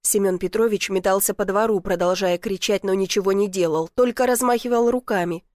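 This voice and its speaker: A woman narrating a first-person audiobook in an emotional, expressive way. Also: medium pitch, fairly quick, no room sound, clean studio sound.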